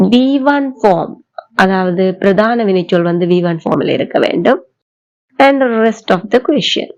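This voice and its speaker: A woman with a Tamil accent teaching spoken English, drawing out model sentences slowly for learners to repeat. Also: medium pitch, dull audio. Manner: slow, drawn-out model sentences for repetition. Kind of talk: bilingual language lesson.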